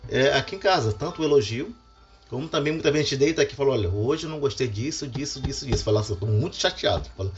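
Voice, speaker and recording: A man's voice: medium pitch, fast talker. A middle-aged Brazilian pastor, a man, giving a devotional talk on family and acting out quoted lines. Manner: animated, acts out quoted lines. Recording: dull lo-fi with faint music.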